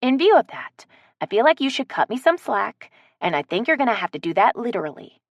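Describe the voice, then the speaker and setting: A woman's voice: a little high, big pitch swings, a little fast, no echo, muffled recording, pitched above the performer's own voice. A woman voicing a stubborn, strong-willed woman who teases and refuses to back down. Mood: defiant. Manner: teasing, defiant.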